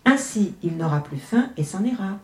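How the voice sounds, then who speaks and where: A woman's voice: medium pitch, expressive, normal speed, darkish tone, echoey room, lightly acted. A woman voicing an old grandmother in a fairy tale, giving emphatic instructions. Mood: instructing.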